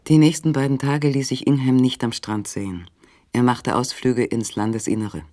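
A man narrating a radio play in a calm, measured way. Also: mid-range voice, dry recording.

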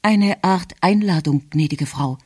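A man reading aloud and voicing a discreet butler who speaks softly and deferentially. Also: sits high, a little slow, breathy edge. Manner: hushed, deferential. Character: discreet old male butler, hushed and polite.

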